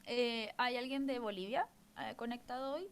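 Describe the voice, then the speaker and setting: A woman with a Chilean accent speaks as a guest journalist over a video call. Her voice sits fairly high and her manner is friendly and conversational. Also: moderate pace.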